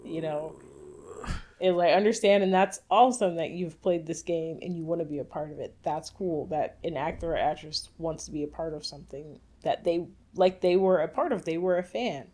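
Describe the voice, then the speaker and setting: A woman with a low-pitched, mellow voice talks a little fast as a co-host on a casual gaming podcast. She chats and explains at length, using plenty of fillers.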